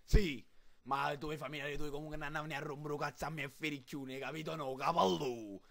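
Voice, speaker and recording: Crude taunting fighter for a comic game dub, Neapolitan accent, gravelly, slightly high male voice acted by a man. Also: fairly even intonation, a little fast, fairly bright tone. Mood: angry. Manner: foul-mouthed, taunting. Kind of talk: comic amateur dub in dialect.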